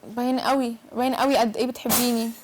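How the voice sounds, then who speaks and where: A woman with an Egyptian accent, a guest on a prank show, irritated and sharp-tongued, insisting she wants to leave. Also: fairly high pitch, level tone, very fast, a little hiss or hum. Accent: Egyptian Arabic. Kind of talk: heated argument on a prank show.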